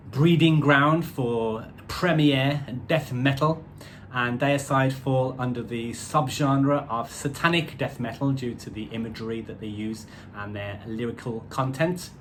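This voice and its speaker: A man talks through an album review in a casual, rambling way, with dry jokes at his own expense and plenty of musician's jargon. His voice sits at an ordinary middle pitch, with a faint hum of noise behind it. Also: a bit bright. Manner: chatty, rambling, wry asides; uses musician's terms.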